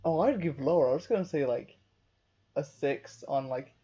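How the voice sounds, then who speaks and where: Low-voiced, mellow young woman. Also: normal speed, slightly rough. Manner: relaxed, laid-back, frequent "like". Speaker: film review co-host. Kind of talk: casual review chat. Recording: dull lo-fi sound.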